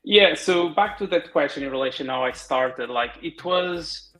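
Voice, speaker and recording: A man from Portugal with a Portuguese accent, talking as a guest on a video call, halting, with many restarts. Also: fairly high pitch, expressive, pushed and bright, reverberant, faint music behind, rough recording. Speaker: guest software developer. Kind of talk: casual interview over video call.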